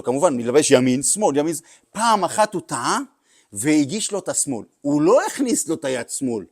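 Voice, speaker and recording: Rabbi guy teaching a torah class, kinda high voice, all over the place with his pitch, acts stuff out. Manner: animated storyteller, acts out characters with sudden loud outbursts.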